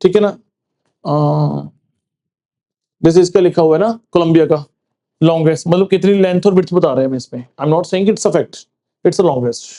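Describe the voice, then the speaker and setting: A male teacher quizzing a class for exams, repeating answers and slowing down to read English facts. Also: fairly high pitch, mellow. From Punjab, India. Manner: quizzing, asks then answers with "sir", slows for reading English facts. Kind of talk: classroom exam-prep lecture.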